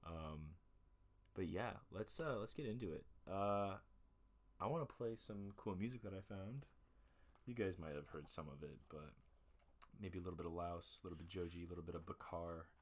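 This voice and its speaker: A young man with a deep voice hosts a relaxed home podcast at a moderate pace, using a USB desk mic and headphones. He rambles in easy chat, full of fillers and self-corrections.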